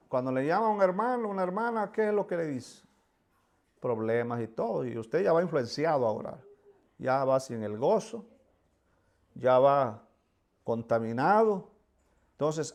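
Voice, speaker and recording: A man's voice: on the high side, creaky, darkish tone. A man preaching a sermon with fervor, voicing pleading prayers and often repeating words.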